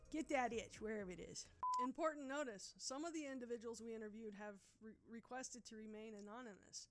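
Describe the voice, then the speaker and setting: High-voiced woman doing mock ad reads. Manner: upbeat mock-salesy delivery with wry asides. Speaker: host and creator of satirical ads. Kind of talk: comedic infomercial voice-over.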